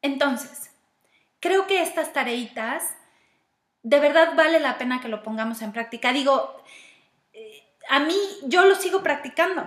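Unhurried and animated, pausing often, a woman with a high, fairly bright voice and a Mexican Spanish accent gives a reflective self-help talk. She guides listeners toward personal growth step by step, asking herself questions aloud, amid a roomy echo.

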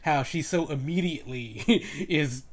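A man's voice: fairly high pitch, unhurried. A man co-hosting a podcast, chatting about a TV show and often agreeing with his co-host. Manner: warm agreement, frequent laughs and affirmations. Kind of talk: casual chat about a TV show.

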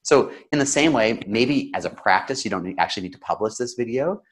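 A man's voice: mid-range voice, lively intonation. Man coaching with a storyteller's practised delivery. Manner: practised storyteller's delivery with emotion and deliberate pauses. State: slightly sick. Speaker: storytelling coach and interview guest. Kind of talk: conversational coaching, explaining with examples.

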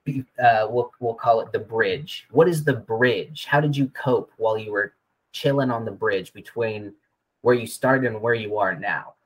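A man's voice: mid-range voice, slightly rough, low-quality recording. A man hosting a podcast, asking meandering, searching questions. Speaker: podcast host. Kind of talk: casual podcast interviewing.

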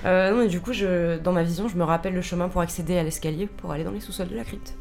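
Low-voiced woman playing a tabletop game. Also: quick pace. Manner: animated, slangy. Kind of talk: casual, improvised game talk. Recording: music behind the voice.

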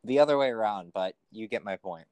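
Fast deadpan man with a lowish voice. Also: no room sound. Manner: deadpan one-liners. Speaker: podcast co-host. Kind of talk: casual banter.

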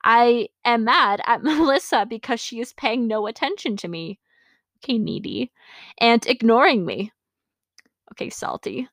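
A woman's voice: on the high side, expressive, moderate pace, fairly bright tone, no echo. A woman hosting a podcast, reading her childhood journal entries aloud and breaking off for amused, self-mocking comments and laughs. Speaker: podcast host.

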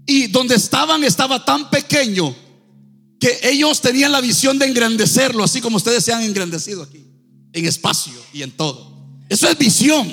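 Fervent high-pitched man preaching. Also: animated, normal speed, in a large hall, soft background music. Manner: fervent, half-sung delivery with shouted peaks. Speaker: pastor. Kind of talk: preaching a sermon. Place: church sanctuary.

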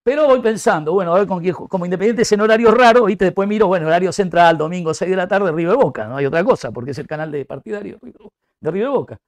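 A man with an Argentine Rioplatense accent ranting comically as an excitable, exaggerated football fan. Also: sits high, fast talker. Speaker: comic talk show host. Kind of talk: comic rant.

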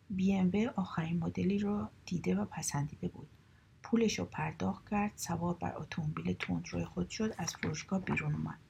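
A woman narrating short stories in a calm, steady, conversational reading voice. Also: fairly low pitch, gravelly, slightly rough. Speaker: story reader. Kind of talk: colloquial storytelling narration.

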